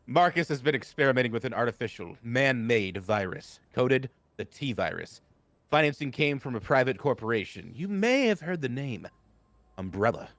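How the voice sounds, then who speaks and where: A man's voice: mid-range voice, very animated, moderate pace, a bit bright, no room sound. A man reading a stern male commanding officer's lines in an amateur script read-through, clipped and ordering. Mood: explaining. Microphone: home streaming mic.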